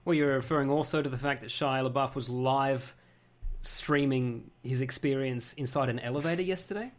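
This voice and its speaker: A man's voice: mid-range voice, moderate pace. A man co-hosting a casual podcast chat in an easygoing, agreeable way. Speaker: podcast co-host.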